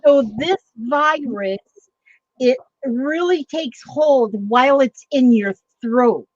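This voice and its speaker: Speaking slowly in a high, lively voice, a livestream host chats casually, wandering from thought to thought, saying um often and calling out viewers by name. The audio is dull lo-fi with no room sound.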